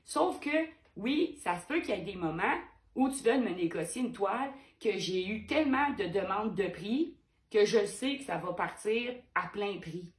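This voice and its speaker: A woman's voice: mid-range voice, expressive, normal speed, reverberant. A woman painter with a Québécois French accent, talking frankly and animatedly to her viewers, firing rhetorical questions. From Quebec. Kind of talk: direct-to-camera vlog.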